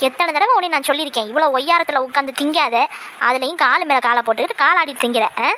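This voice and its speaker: A quick-tempered village mother in a homemade cartoon, voiced by a woman. Her voice is very high and sharp as she nags and scolds without pause. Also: slight background noise. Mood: scolding. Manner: scolding, nagging.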